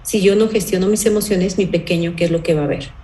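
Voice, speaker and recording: A woman's voice: fairly low pitch, fairly even intonation, quick pace, mellow, roomy sound, low-quality recording. A woman leading a parenting workshop, explaining patiently and often checking in with her listeners. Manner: explanatory, asks the audience rhetorical checks like "¿sí?" and "¿bien?".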